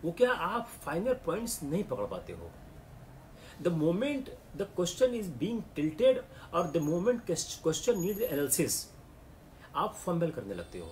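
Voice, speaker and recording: A middle-aged man with an Indian accent, lecturing a class of exam candidates and switching into slow, careful English. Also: fairly high pitch, wildly swooping pitch, a little mellow, slight background noise. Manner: mixes English into the talk, slow and deliberate in English. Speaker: civil services exam lecturer.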